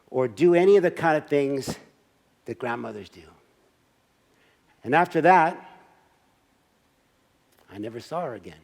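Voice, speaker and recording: A man in his sixties performs a personal story as a stage monologue at a church service. He talks in a conversational way and acts out the scenes with asides to the audience. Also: medium pitch. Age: 60s.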